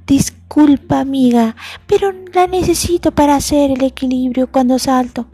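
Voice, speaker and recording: A woman's voice: high-pitched, fairly even intonation, moderate pace, dark tone, soft background music, voice pushed up. A woman voicing a friendly squirrel who explains why she can't help. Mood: apologetic.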